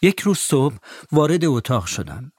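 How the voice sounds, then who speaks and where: A man calmly narrating a storybook in the first person, in an even, steady storytelling voice. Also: mid-range voice, husky, no room sound, studio quality.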